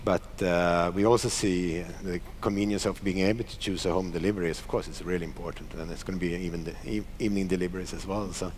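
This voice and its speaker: Executive panelist, middle-aged man, deep, confident, headset mic. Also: fairly even intonation, quick pace, hardly any pauses, darkish tone, slight background noise. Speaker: panelist, company chief. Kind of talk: panel discussion. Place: conference stage.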